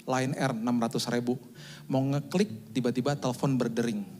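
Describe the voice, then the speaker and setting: A male pastor giving a sermon testimony, telling his story in a lively way and acting out the dialogue. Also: mid-range voice, moderate pace, slight background noise.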